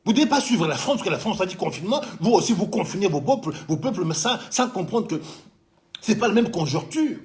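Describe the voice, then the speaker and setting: High-voiced man from Congo, heated commentator who lectures and scolds. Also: very animated, quick pace, darkish tone. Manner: fiery, scolding, repeatedly addressing the president directly. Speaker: business owner living in France.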